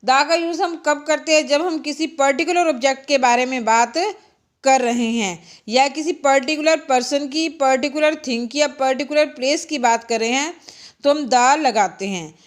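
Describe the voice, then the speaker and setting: High-voiced woman teaching grammar. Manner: explains step by step, asks questions and answers them herself, calls the children "beta"; reads English sentences slowly, then explains them in Hindi. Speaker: English teacher. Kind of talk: bilingual classroom grammar lesson.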